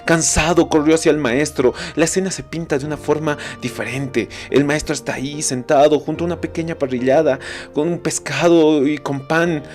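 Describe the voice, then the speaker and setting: A man preaching a recorded sermon, telling a story dramatically, slowing down for emphasis and speaking earnestly to the listener. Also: a little high, fairly even intonation. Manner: addresses the listener directly and earnestly. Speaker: pastor. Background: soft instrumental music.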